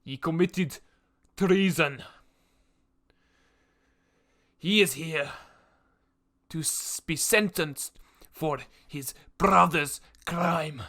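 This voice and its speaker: A stern guard captain in charge of an execution, put on by a man in a tabletop game. He proclaims the sentence loudly and slowly, his voice pushed higher than usual with a gravelly grain. His manner is formal and severe. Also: heavily acted. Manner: loud, slow, formal proclamation.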